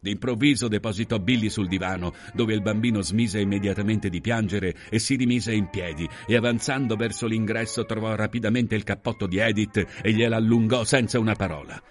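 A man narrating a literary novel in a measured, expressive reading. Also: on the low side, faint music behind. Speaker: audiobook reader.

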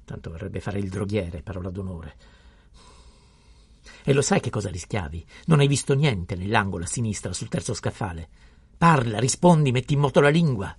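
A pompous village pharmacist scolding at the top of his voice, as a man reading an audiobook puts him on. His voice is raised well above a normal speaking pitch, with a gravelly, husky grain. The recording is dry and close. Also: little pitch movement, moderate pace, dry recording, heavily acted. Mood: furious ranting. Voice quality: shouting, scolding, indignant. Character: irate pompous male village pharmacist, middle-aged. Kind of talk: audiobook character voice.

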